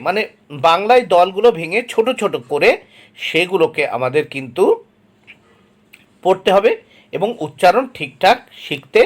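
A man teaching an English textbook lesson. He reads the example sentences slowly and breaks words into syllables, repeating them. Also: sits high. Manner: slow, drawn-out reading of English example sentences.

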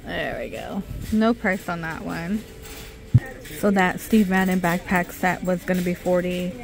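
Mid-aged lady vlogging while shopping, lowish voice, rattles off prices, phone cam in a big store. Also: a little slow, vocal fry, soft background music. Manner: chatty, reads out product names and prices. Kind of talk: casual shop-with-me narration. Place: department store, indoors. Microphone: handheld phone camera.

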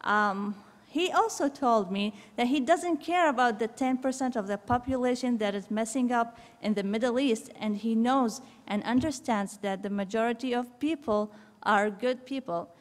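Young woman from Iraq, measured and halting at a podium mic, long room reverb. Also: fairly high pitch. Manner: measured, with frequent ums and uhs. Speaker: public commenter. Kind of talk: prepared public statement. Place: large city council chamber. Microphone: fixed podium microphone.

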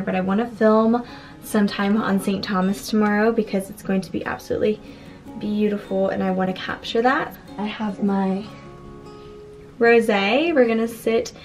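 A woman's voice: medium pitch, a little mellow. A woman in her twenties chatting casually to a handheld camera while vlogging her trip, with lots of fillers. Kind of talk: casual travel vlog. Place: cruise ship cabin and outdoors. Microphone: handheld camera at arm's length.

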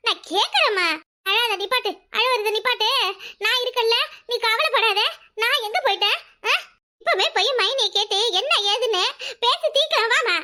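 A woman with a Kanyakumari Tamil accent voicing a young cartoon daughter who is loyal and quick to take offence. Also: very high voice, sharp tone, heavily acted. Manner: questioning, indignant.

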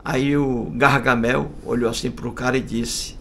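A man's voice: medium pitch, little pitch movement, a little slow, creaky, a bit bright, slight background noise. A man casually telling a long joke, rambling and repeating himself with folksy asides. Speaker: joke storyteller.

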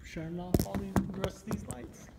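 A man's voice: high voice, fairly quick. A man casually talking through a car repair step by step, rambling and thinking aloud with lots of ums, filmed on a handheld phone. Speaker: DIY car vlogger. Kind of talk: casual how-to narration. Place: in a moving car, then outdoors beside it at night. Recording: loud road and engine noise.

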